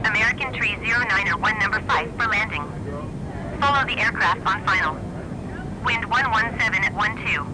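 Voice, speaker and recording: Brief: high-voiced male tower controller, rapid and businesslike, heard as radio through a pilot's headset over loud cockpit noise. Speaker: air traffic controller. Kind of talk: radio phraseology. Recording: noisy cockpit radio feed.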